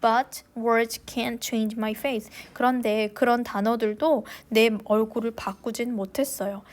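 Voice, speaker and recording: A woman English teacher reading a novel aloud slowly and clearly, then translating it line by line. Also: on the high side, steady tone. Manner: slow and clear in English, quicker in Korean.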